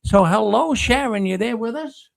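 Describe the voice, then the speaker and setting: A man with a very high, gravelly, expressive voice hosts a casual talk show at normal speed. He rambles and often repeats words as he restarts his sentences.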